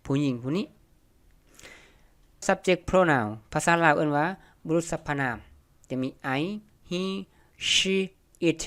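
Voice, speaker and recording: Lao-accented teacher for a beginner English lesson; slow, careful delivery and a smooth voice, each word said twice. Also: medium pitch, fairly bright tone, no echo. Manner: repeats each English word slowly and clearly.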